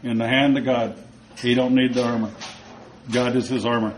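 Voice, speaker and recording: A man's voice: medium pitch, little pitch movement, moderate pace, a little hiss or hum, rough recording. A male preacher giving a sermon, retelling a story conversationally with rhetorical questions.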